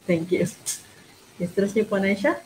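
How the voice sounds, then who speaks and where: A woman's voice: mid-range voice, animated, unhurried, a little mellow. Malaysian woman hosting over a noisy online call. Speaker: panel host, moderator. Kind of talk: informal moderating of an online forum.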